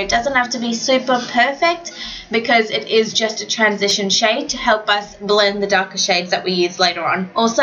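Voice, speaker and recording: A woman's voice: mid-range voice, a bit bright, dull audio. Chatty young woman, makeup voiceover. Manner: chatty, slightly tongue-tied. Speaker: beauty vlogger. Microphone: home voiceover mic.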